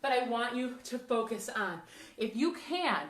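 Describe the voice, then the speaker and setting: A woman's voice: on the high side, expressive, a little slow, a bit bright. A woman fitness instructor leading a workout class, out of breath, encouraging the class and counting down reps. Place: fitness studio. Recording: echoey room, mic at a distance.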